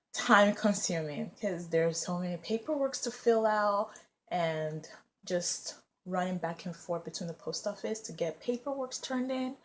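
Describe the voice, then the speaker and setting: A young woman in her twenties, raised in the US, chatting casually and rambling with lots of fillers. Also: mid-range voice. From Nigeria, raised in the US. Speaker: vlogger and English teacher. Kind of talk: casual vlog chat.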